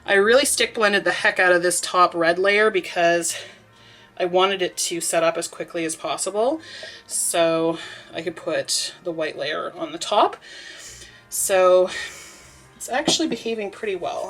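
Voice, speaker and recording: A young woman with a stuffy, sniffly nose narrates a casual vlog while making soap, laughing often and rambling with lots of fillers. Her voice is fairly low, unhurried and fairly bright, with soft music playing in the background.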